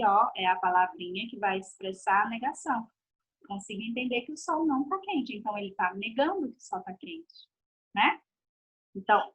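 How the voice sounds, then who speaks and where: A woman's voice: on the high side, sharp tone, low-quality recording. A woman giving a recorded video lesson to pupils, patiently repeating points and checking they follow. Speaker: teacher.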